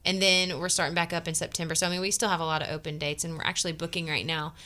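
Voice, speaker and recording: A bubbly woman singer chats through an interview. Her voice is fairly low but bright and forceful. She talks in a lively, friendly stream and laughs often. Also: very fast. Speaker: singer and guest musician. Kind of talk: casual interview chat.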